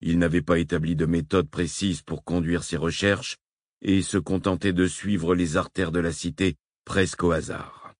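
A man narrating a novel in a steady, measured reading. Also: sits low, no echo, clean studio sound. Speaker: audiobook narrator. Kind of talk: scripted narration.

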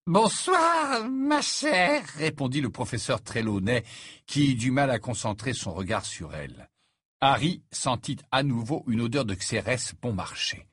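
A man reading a novel aloud in measured storytelling narration. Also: mid-range voice, lively intonation, slightly rough, dry recording. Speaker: audiobook narrator. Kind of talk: scripted narration. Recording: dry, close audiobook recording.

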